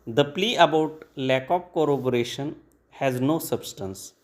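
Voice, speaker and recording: Man dictating slowly in measured phrases. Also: medium pitch. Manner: dictating in short measured phrases with pauses between them. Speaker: shorthand dictation reader. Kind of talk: dictating formal legal text for shorthand practice.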